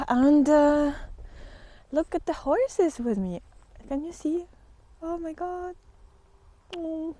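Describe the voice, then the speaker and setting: Her high, animated voice carries an informal spiritual talk meant for followers. She is a vlogger on a walk, speaking in a hesitant, thoughtful way broken up by long pauses.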